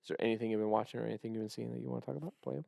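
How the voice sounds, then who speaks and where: A man co-hosting a podcast in casual chat, rambling and excitable, often trailing off and restarting. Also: lowish voice, racing, gravelly, no echo, studio quality. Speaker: podcast co-host.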